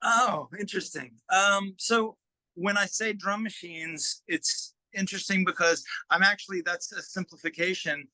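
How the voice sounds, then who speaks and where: Recorded roughly yet dry, with no echo, a musician with a fairly high, notably bright voice keeps a steady tone. He speaks casually in an interview, pausing often and thinking aloud as he explains.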